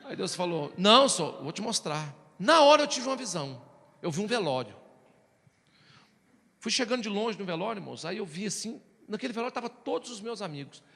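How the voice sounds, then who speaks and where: A man from Brazil preaching a sermon as pastor, telling a personal story in a lively, animated way and often calling his listeners brothers. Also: high voice, fairly quick, vocal fry, long reverb tail. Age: has children.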